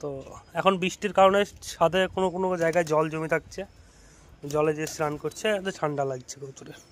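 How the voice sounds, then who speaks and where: Man, Bengali accent, slightly high voice, casual rooftop vlog, chatty explaining. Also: steady tone, fast, slight background noise. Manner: chatty, explaining while feeding birds. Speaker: pigeon keeper vlogger. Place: outdoors on a rooftop.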